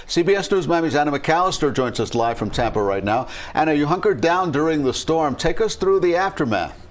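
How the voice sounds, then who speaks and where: A man's voice: a little high, lively intonation, fairly quick. A man anchoring the news, reading a scripted introduction to a live report.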